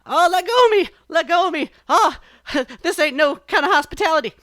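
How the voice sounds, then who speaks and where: A storyteller voicing a folksy, hot-tempered male country rabbit in a high, loud, drawling voice for a spoken folktale. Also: animated, normal speed, smooth, no echo, clean studio sound. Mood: frantic.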